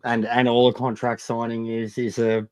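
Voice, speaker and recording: A man's voice: mid-range voice, completely flat delivery, moderate pace, darkish tone, clear, resonant tone, no echo. A man talking casually and emphatically as a wrestling fan co-host, opinionated, repeating his points and swearing freely. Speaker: wrestling talk show co-host. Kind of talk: casual sports fan debate.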